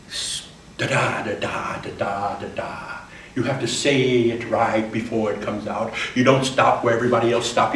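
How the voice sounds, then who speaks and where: A man's voice: medium pitch, a little hiss or hum. Emphatic male lecturer in an echoey classroom. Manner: emphatic, animated, speaks to the class directly. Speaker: guest lecturer. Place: college classroom. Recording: roomy classroom recorded from far off, faint ambience.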